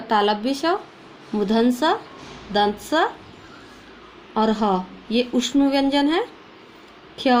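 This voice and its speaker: A woman's voice: fairly high pitch, darkish tone, slight background noise. A woman teacher gives a recorded lesson to young pupils. She poses questions and answers them herself, and drops English words into her speech.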